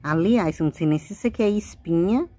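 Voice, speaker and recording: A woman's voice: fairly low pitch, expressive, fast, mellow, a little hiss or hum. A woman chatting casually to her viewers in a home vlog, talking often and directly to the people watching. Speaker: mother vlogger. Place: family home.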